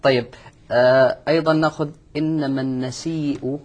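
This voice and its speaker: A man's voice: mid-range voice, steady tone, a little fast, crowd noise. A man hosting a recitation lesson, prompting the teacher with questions and brief affirmations. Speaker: program host. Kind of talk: guiding a lesson conversation.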